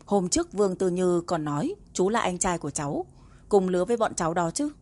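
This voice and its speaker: A woman's voice: on the low side, sing-song, fairly quick, a little mellow. Woman reading a cheeky wheedling schoolgirl. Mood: coaxing. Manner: wheedling, playful. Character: cheeky young woman student, coaxing.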